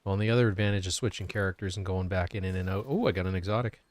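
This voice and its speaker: A man's voice: sits low, rapid-fire. A man giving casual gameplay commentary as a live streamer.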